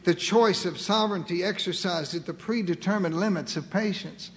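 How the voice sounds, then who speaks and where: High-voiced preacher in a reverberant hall. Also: male voice, moderate pace. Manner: dramatic, acts out voices of God and Moses with humor. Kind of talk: sermon.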